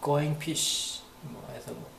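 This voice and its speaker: Guy teaching, rambly, says stuff over and over, kinda high voice, echoey room w/ faint hiss. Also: steady tone, very slow, gravelly. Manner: rambling, repeats phrases aloud to demonstrate. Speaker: English teacher. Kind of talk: casual spoken lesson.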